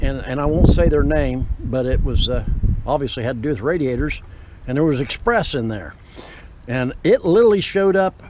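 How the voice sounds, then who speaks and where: A car dealer gives a casual, rambling walk-around of a vehicle outdoors, jumping between points and raising his slightly high voice over the wind. It's recorded on the camera's built-in microphone, with loud wind noise.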